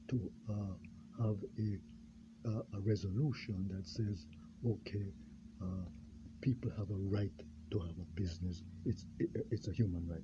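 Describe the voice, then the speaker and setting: Halting low-voiced man from Jamaica. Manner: halting, full of fillers and repetition. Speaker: pastor and self-styled candidate. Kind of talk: rambling unscripted monologue. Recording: dull lo-fi recording with clear background noise.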